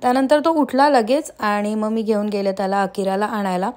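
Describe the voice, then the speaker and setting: A woman in her thirties, a homemaker vlogging casually at home, chatty with frequent pauses and fillers. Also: mid-range voice, steady tone, a little mellow. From Maharashtra, India. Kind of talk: casual vlog chat and voice-over.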